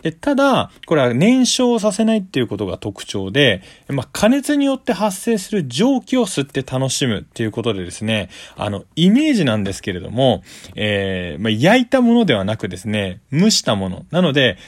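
A man's voice: medium pitch, huge pitch swings, a little fast, hardly any pauses, no room sound, studio quality. A man giving a casual, polite explanatory monologue as a solo host, going step by step in simple terms. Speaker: solo talk show host.

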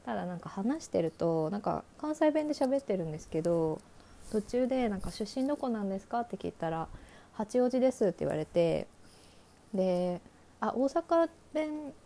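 A woman's voice: lowish voice, creaky, mellow, a little hiss or hum. A woman hosting a casual solo talk show, frankly telling personal dating anecdotes with many fillers. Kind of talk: casual storytelling monologue.

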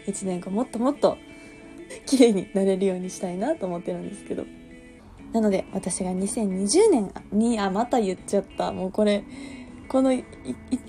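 A woman's voice: medium pitch, mellow. A woman in her twenties with a Kansai accent, hosting a casual solo radio talk show in a chatty, self-deprecating way and laughing easily. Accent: Kansai Japanese. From Kansai, Japan. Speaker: podcast host.

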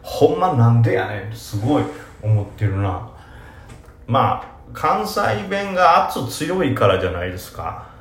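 Relaxed Kansai man on a roomy podcast. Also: medium pitch, a little slow. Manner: relaxed, self-deprecating, many fillers. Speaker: podcast host. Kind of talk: casual podcast talk answering listener questions. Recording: roomy echo.

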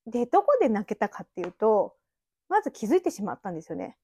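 A thirty-something woman hosts her own relaxed podcast from an empty house using a phone app mic, rambling happily through old memories with little laughs. Her voice is on the high side, sing-song, quick, mellow, and husky, with no room sound at all.

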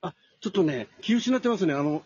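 A man's voice: high voice, lively intonation, fast talker, a little mellow, slightly rough, dry recording, dull audio, pitched below the performer's own voice, heavily acted. A man playing a frantic, flustered typhoon reporter in a comedy skit, delivering a breathless live report and repeating himself. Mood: earnest, flustered.

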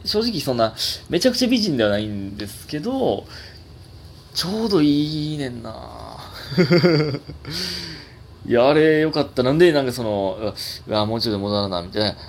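A young man in his twenties hosts a casual solo talk show, reading letters with a Kansai Japanese accent. His voice runs on the high side, a little slow, with frequent pauses and a little hiss or hum. He's chatty and rambling, heavy on fillers, and gets excited in swings.

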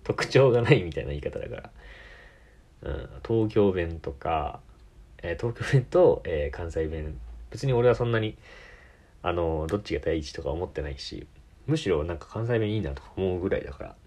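A man's voice: low-pitched, animated, normal speed, a little mellow, husky. A man from Tokyo with a Tokyo accent, hosting his own podcast and rambling casually, correcting himself and laughing often. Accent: Tokyo Japanese. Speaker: podcast host. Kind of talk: casual solo talk.

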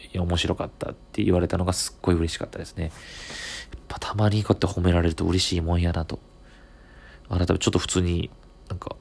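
A man's voice: low voice, creaky, slightly rough. A young man with a Kansai accent, a comedian hosting his own solo talk show and telling a story from the stage, acting out the other people's lines as he goes. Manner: animated storytelling, acts out voices. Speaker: comedian podcast host.

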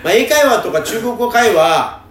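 High, lively chatty man in a roomy space. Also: moderate pace. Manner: animated, chatty storyteller. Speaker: podcast host. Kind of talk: casual chat. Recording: roomy with faint background noise.

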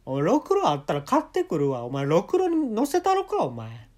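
A man's voice: wildly swooping pitch, a little fast. A man doing a menacing Kansai dad. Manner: threatening, jumping from high shouts to low mutters.

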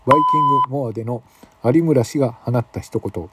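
A man's voice: mid-range voice, animated, normal speed, very noisy. A man hosting a comic talk show, reading mock news and feigning outrage. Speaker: radio talk host.

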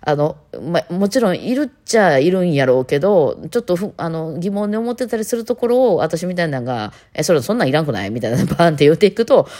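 Woman, Kansai accent, chatty solo talk, quick delivery, warm mellow tone. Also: fairly low pitch, lively intonation. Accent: Kansai Japanese. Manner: chatty, rambling, playful mimicry. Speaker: violinist and podcast host.

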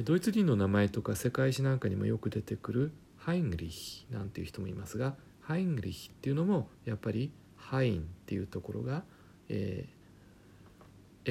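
A man teaching German pronunciation in a chatty, joking way, often dropping to a quiet aside. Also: on the low side, gravelly, a little hiss or hum. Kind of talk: casual spoken lesson with jokes.

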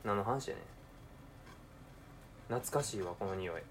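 A young man with a Kansai accent chats alone while cooking, muttering to himself and then bursting into excited shouts. His voice sits on the low side, with a faint hiss of noise behind it. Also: measured pace. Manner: talks to himself, alternating mumbling with excited outbursts. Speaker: podcaster. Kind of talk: casual solo talk while cooking.

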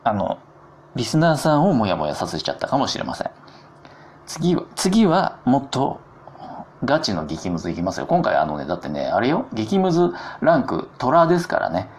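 A man's voice: mid-range voice, huge pitch swings, normal speed, a little mellow. A man hosting his own solo talk show, chatty and self-mocking, with jokey asides. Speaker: podcast host.

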